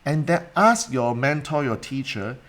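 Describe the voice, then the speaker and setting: A man in middle age speaks with a strong Cantonese accent at an average male pitch. He teaches like an informal coach on a live stream, blunt and emphatic. He repeats himself and leans on rhetorical questions. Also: lively intonation, a little slow, a bit bright. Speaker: coach and mentor teaching a live online class.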